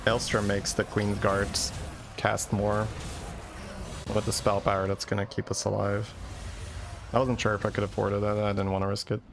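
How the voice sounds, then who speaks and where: A Flemish-accented Belgian man whose first language is Dutch streams a game live, thinking his plans aloud and tagging them with "right?". His lowish, gravelly voice is completely flat at a moderate pace with frequent pauses, over a noisy background and faint game music.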